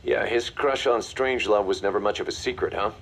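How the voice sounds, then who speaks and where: An actor playing a mercenary second-in-command in a video game, briefing in a confident, matter-of-fact, commanding way. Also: male voice, lowish voice, a little fast, gravelly. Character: brisk, hard-nosed male mercenary second-in-command. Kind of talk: video game voice acting, mission briefing dialogue.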